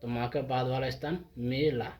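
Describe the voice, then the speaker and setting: A man teaching a shorthand class, explaining each step slowly and answering his own questions as he writes. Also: medium pitch, steady tone, darkish tone. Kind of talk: board lesson explaining step by step.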